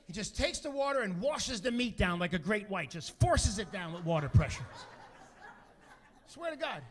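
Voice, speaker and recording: A middle-aged man doing stand-up comedy, telling an animated story, bursting into shouts and often asking "right?". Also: high voice, moderate pace.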